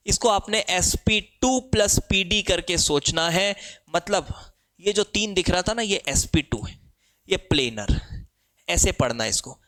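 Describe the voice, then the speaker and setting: A young Indian man giving a chemistry exam-prep lecture, mixing Hindi and English, slowing down to dictate rules and answering imagined student questions himself. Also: high voice, fairly bright tone. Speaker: chemistry teacher.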